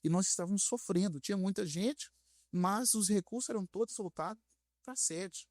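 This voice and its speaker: A bishop with a Brazilian Portuguese accent tells a story on a podcast, frank and animated, voicing each person he quotes. His male voice sits a little high, and the sound is close and dry with no room behind it. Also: normal speed, no room sound. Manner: animated, acts out dialogue in his stories; frank, direct speaker.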